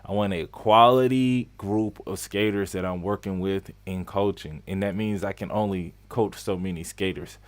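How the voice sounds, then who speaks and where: A young man in his late twenties runs a casual live-stream question session, talking in a loose, chatty way and repeating key phrases. His voice sits fairly low, and the sound is close and dry with no room around it. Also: fairly even intonation, normal speed, few pauses, no echo. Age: 20s. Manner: greets viewers by name mid-flow. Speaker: skate coach and live-stream host.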